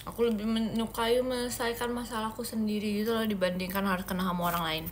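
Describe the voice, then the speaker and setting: A young Indonesian woman hosts a casual idol livestream on her phone, playfully chatting with viewers, answering their comments and teasing them. Her mid-range voice is level and fast, with slight background noise.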